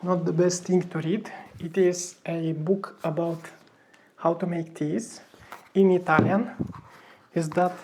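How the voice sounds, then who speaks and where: Testing a range of microphones, a condenser included, a gear reviewer speaks in a lowish, darkish voice with a steady tone and a breathy edge. Her casual vlog from an indoor room has her talking hesitantly with many fillers and reading from a book in fits and starts.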